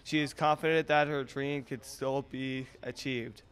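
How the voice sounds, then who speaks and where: A man's voice: medium pitch, little pitch movement, measured pace, a bit bright. A young man reading a mock news report into a handheld mic.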